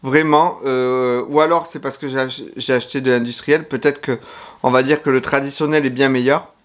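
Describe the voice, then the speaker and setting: A man talking to camera as he tastes snacks one after another. He sounds chatty and frank in his verdicts, and at times he speaks with his mouth full. His voice sits at an ordinary middle pitch. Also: fairly even intonation, moderate pace, fairly bright tone. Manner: chatty, frank verdicts, talks while chewing. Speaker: YouTuber tasting foreign food. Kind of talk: casual food-tasting commentary.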